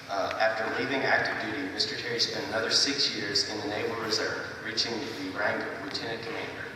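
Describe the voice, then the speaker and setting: A man reading a formal scripted introduction of a guest speaker. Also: on the low side. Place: large echoing hall. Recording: echoey hall, distant mic, noisy.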